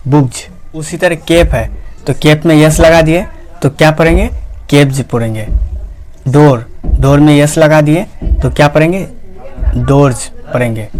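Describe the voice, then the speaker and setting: A young male teacher explains grammar at an unhurried, deliberate pace. His voice sits a little high for a man. He repeats each example and keeps asking the class rhetorical questions. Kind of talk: slow classroom-style explanation.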